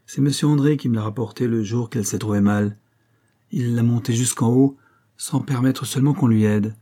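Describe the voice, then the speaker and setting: A man's voice: fairly low pitch, mellow, close to an everyday voice. A man voicing a chatty, gullible woman concierge who gossips effusively.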